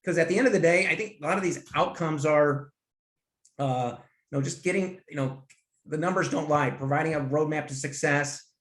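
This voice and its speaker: His voice a little high and fairly bright at a normal pace, the male guest, a finance consultant, chats eagerly on a business podcast, rambling and starting over mid-thought. The room echoes noticeably.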